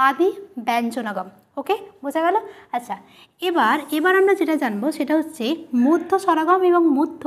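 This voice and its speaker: A woman teacher giving a grammar lesson, who asks questions and answers them herself, repeating each key term. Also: sits high.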